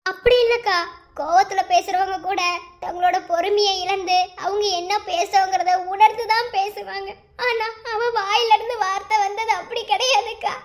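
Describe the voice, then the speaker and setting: A woman voicing a grieving young husband who speaks low, subdued and resigned in a cartoon drama. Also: steady tone, normal speed. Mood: hurt.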